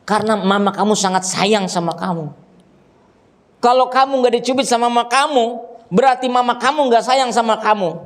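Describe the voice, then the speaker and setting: A man preaching a religious lesson to a gathering, animated and joking with the audience, acting out scolding parents. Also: extremely high pitch, moderate pace. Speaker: ustadz teaching a religious study group. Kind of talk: sermon. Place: gathering with children and fathers present.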